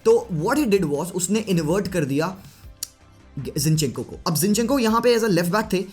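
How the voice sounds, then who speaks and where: A man giving a casual, lively tactical breakdown of a football match, chatting to viewers and mixing in English phrases. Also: high voice, unhurried, faint music behind. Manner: lively Hinglish commentary, mixing Hindi and English; chatty, addresses viewers as bhai. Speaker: football analyst.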